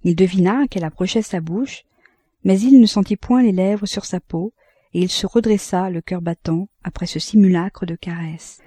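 A woman narrating an audiobook of a classic novel in a calm, measured way, close to the mic. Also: lowish voice, husky, no room sound. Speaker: audiobook reader.

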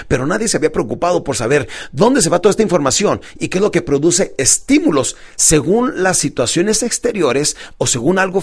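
A husky, fast-talking man delivers a self-help audio program. His voice swoops high and low as he plays out dialogues. He speaks a little above the usual male pitch. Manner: animated, acts out both sides of dialogues; calls listeners champions. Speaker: motivational speaker.

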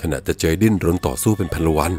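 A man's voice: deep voice, animated, fast talker, mellow, soft background music. A man narrating a ghost story in the first person, telling it vividly as an audiobook.

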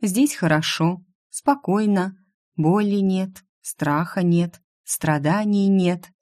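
A woman voicing the detached ghost of a young woman, speaking softly and slowly in an indifferent tone. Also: on the low side, no room sound, studio quality. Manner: soft, slow, indifferent.

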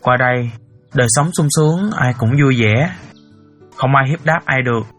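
A man's voice: mid-range voice, normal speed, a bit bright, faint music behind, lightly acted. An actor playing a middle-aged father who earnestly recounts a painful story. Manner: earnest storyteller, cries out in emotion. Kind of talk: audiobook character acting.

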